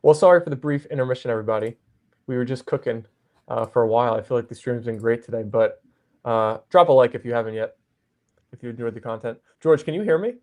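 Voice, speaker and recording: A man's voice: medium pitch, fast, a little mellow. A man hosting a livestream over a video call, chatting casually and filling his talk with "like" and "um". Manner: loose, lots of "like" and "um". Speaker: livestream host.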